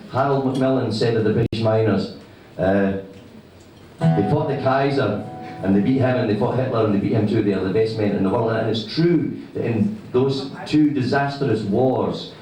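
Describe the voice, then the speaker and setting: A man speaks in a broad Scottish accent from a distance in a very reverberant live venue. He is a folk singer chatting between songs, halting and conversational, with a mid-pitched voice. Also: a little mellow, a little hiss or hum. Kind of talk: casual spoken introduction to a song at a live gig. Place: live venue before an audience. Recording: very echoey live room, distant microphone.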